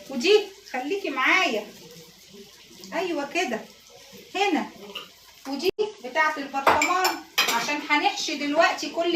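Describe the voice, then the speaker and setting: A woman with an Egyptian Arabic accent hosts a cooking channel from her home kitchen, chatting with viewers as she cooks. Her voice is high-pitched against a noisy background. The kitchen echoes, with dishes and pans clattering.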